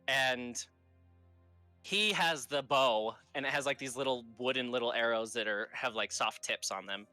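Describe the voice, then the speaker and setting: A man's voice: medium pitch, moderate pace, pushed and bright, dry recording, faint music behind. A man narrating as game master in a casual, rambling way, with filler words and swearing.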